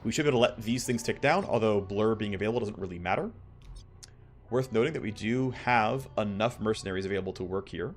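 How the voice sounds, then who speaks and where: A man's voice: lowish voice, quick pace. A man giving offhand playthrough commentary on a video game, thinking aloud as he goes. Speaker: gaming video host.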